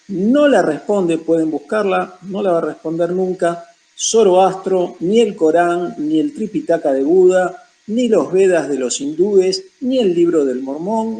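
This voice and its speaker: High-voiced Argentine man teaching the Bible. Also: mellow, low-quality recording. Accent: Rioplatense Argentine. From Buenos Aires province, Argentina. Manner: emphatic, lists points one after another.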